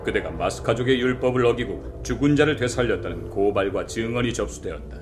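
An actor playing a stern elder of a wizard council, speaking in formal, archaic judgement in a fantasy audio drama. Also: male voice, fairly low pitch, fast, music in the background, natural voice. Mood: solemn.

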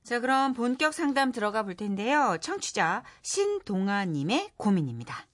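Woman doing public radio host talk, high voice, really animated delivery, talking to listeners. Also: normal speed, no echo. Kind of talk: scripted radio show presenting.

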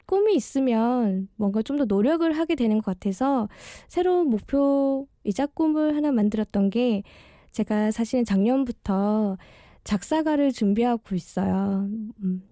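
Her voice sits on the high side, animated and mellow, moving at a moderate pace. She is an amateur guest DJ in her early thirties, hosting late-night radio for just one day and offering a sincere, bashful personal monologue, slightly slurred because of her braces. The recording is clean studio sound with no room noise.

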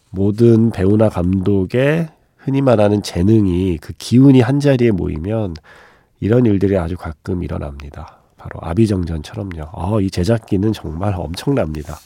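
Deep, nasal, stuffed-up male radio host. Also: warm tone, dry recording, clean studio sound. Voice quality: nasal, congested, stuffed-nose sound. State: stuffy nose from seasonal rhinitis. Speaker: radio film-music show host. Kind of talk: conversational radio hosting, storytelling. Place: radio studio.

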